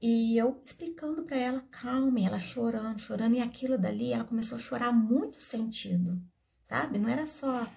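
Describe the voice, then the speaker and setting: A middle-aged Brazilian woman talks straight to her viewers in an earnest, storytelling way. Her voice sits a little high and carries a gravelly edge. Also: a little fast, mellow. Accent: Brazilian Portuguese. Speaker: therapist. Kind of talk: casual advice talk to camera.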